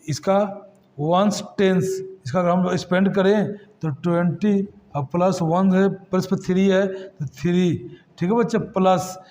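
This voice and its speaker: A high-pitched man teaches a math lesson to children. He keeps quizzing them, then answers his own questions in a patient, repetitive classroom manner. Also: fairly even intonation, a little slow, a little mellow. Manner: addresses students as kids, asks and answers his own questions. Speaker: math tutor.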